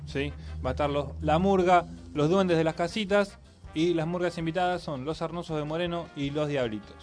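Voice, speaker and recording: A man's voice: on the high side, moderate pace, a little mellow, faint music behind. Wry Argentine radio man. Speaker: radio host. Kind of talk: casual radio chat.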